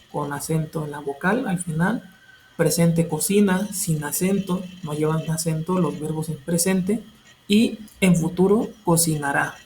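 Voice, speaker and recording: A man's voice: on the high side, a little mellow, a little hiss or hum, low-quality recording. A male teacher explaining a grammar lesson step by step, patiently repeating points and checking in with short tag questions. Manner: patient, repetitive explanations with filler tags and self-corrections.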